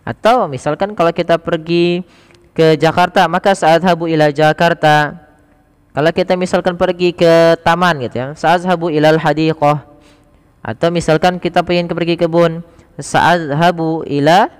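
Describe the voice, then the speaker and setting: A man giving a casual spoken language lesson, chatting loosely and repeating each example phrase slowly and clearly for learners. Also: fairly high pitch, big-room sound. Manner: chatty, filler-heavy explanations. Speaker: Arabic teacher.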